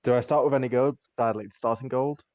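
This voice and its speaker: A man's voice: mid-range voice, steady tone, fairly quick, a little mellow, no echo. A man playing a tabletop game, chatting casually and describing what his character does.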